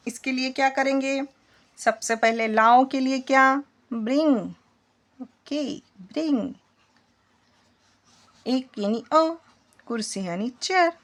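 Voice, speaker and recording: A woman teaching a spoken English lesson in Hindi, patiently quizzing her students as she goes. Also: high voice. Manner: slow, patient, asks the class questions.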